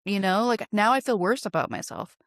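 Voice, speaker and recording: A woman's voice: medium pitch, fairly quick, no echo. Empathetic woman host, dry close sound. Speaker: podcast host. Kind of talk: casual interview chat.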